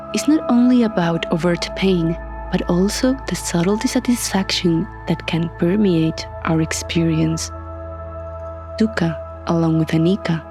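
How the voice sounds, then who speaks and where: Here a woman's somewhat low, soft, breathy voice leads a guided meditation from a script, soothing and calm, with intentional long pauses throughout.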